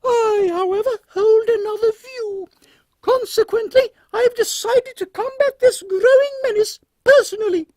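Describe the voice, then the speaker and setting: Guy doing a super high voiced british queen, snooty and regal, measured, dry wit, steampunk comedy, really dry sound. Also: a little mellow, dry recording. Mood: regal, grave. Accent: British English. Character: imperious, drily witty middle-aged Queen Victoria. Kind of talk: steampunk audio comedy acting.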